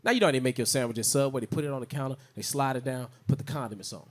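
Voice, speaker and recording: A young man from Chicago doing an animated stand-up set, slipping into shouted character voices. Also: medium pitch, rapid-fire. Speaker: stand-up comedian.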